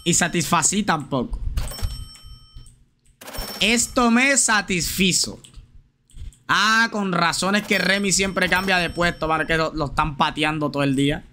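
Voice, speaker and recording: Man streamer, casual slangy gameplay chatter, slightly high and bright voice. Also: moderate pace, hardly any pauses, a little hiss or hum. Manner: chatty, slangy, talks straight to viewers and reads chat aloud. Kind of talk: casual live gameplay chat.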